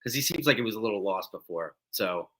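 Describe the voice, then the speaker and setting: A man's voice: lowish voice, animated, quick pace, pushed and bright. A man co-hosting a wrestling recap show, chatting casually and rambling with many fillers and restarts. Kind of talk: casual podcast chat.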